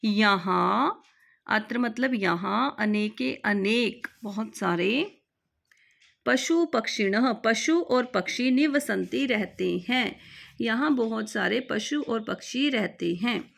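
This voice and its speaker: A woman teaching a Sanskrit lesson in Hindi, reading each word and then repeating its meaning, clearly and patiently. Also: a little high, lively intonation, slow pace, a bit bright. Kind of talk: slow explanatory lesson.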